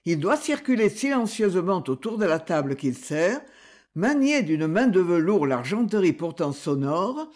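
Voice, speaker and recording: A narrator reading a classic novel aloud as an audiobook. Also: mid-range voice. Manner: slow, expressive literary reading.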